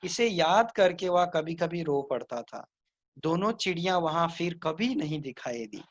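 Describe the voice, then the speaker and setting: A man's voice: on the high side, lively intonation, a little slow, highs cut off. A male school teacher retelling and explaining a textbook story plainly to children.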